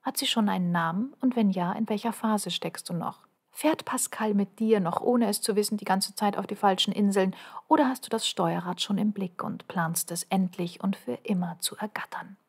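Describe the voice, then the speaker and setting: A woman's voice: medium pitch, moderate pace, husky. A woman reading her own first-person motivational text aloud, earnest and intimate, often dropping to a half-whisper and pressing the listener with urgent questions.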